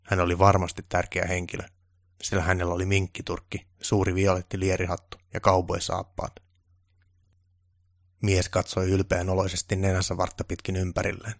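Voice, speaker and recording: A man reading a story aloud in calm, scripted narration. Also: low-pitched, creaky, no room sound, studio quality.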